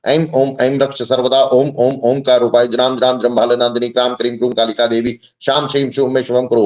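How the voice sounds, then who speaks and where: A man's voice: medium pitch, muffled recording. A man interviewed as a guest on a podcast, explaining devotional practice with frequent hesitations and reciting Sanskrit verses fluently. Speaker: guest, astrologer and tantra practitioner.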